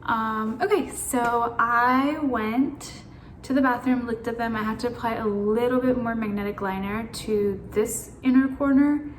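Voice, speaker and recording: A woman's voice: fairly high pitch, measured pace, roomy sound, a little hiss or hum. A woman vlogging casually on a phone camera, anxious and rambling, swearing now and then. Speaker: beauty vlogger. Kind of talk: casual chat.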